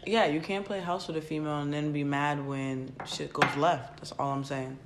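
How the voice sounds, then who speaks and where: A woman guesting on a casual podcast, blunt and sassy, quick to correct the others. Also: low-pitched, steady tone, heavy background noise.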